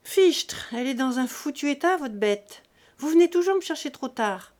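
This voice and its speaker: A woman's voice: a little high, expressive, moderate pace, darkish tone, natural voice. Woman playing a hearty, brusque country vet. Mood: jovial scolding. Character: jovial blunt country veterinarian man, middle-aged.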